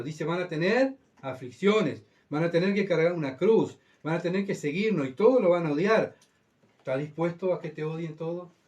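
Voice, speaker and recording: A man with a Uruguayan accent preaching a sermon as pastor, swinging between loud, urgent outbursts and hushed, low stretches. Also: far from the mic. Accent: Uruguayan Spanish.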